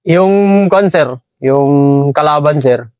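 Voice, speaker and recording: An army staff sergeant from Basilan, Philippines, gives interview answers in a halting, deferential manner, tacking "sir" onto nearly every phrase. His voice is a bit high and a little mellow, and the recording is dry with no room sound.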